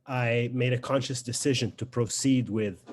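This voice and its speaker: Young male poet, Lebanese accent, native Arabic speaker, mid-range voice, reflective, pausing as he introduces his work. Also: medium pitch, steady tone, a little hiss or hum. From Beirut, Lebanon. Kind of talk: informal spoken introduction to a poetry reading.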